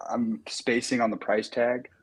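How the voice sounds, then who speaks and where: A man's voice: medium pitch, level tone, measured pace, husky. A man chatting casually as a guest on a podcast. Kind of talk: casual chat.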